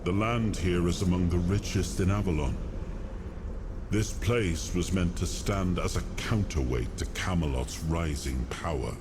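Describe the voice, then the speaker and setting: Weary legendary king for a game cutscene, really deep slow voice, regal and stern, noisy ambience. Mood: brooding, grave. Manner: grave, deliberate, regal. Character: weary, proud, commanding undead king of legend. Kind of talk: dramatic game cutscene monologue.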